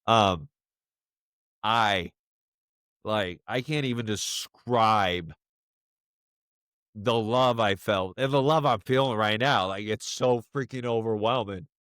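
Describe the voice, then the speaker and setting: A father speaks straight to his young son in a personal video message, choked up and halting, leaning on fillers as he searches for words. His delivery is very slow and unhurried, and the sound is dry and close with no room around it. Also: lowish voice, a bit bright, clear, resonant tone, no room sound. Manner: halting and emotional, many fillers.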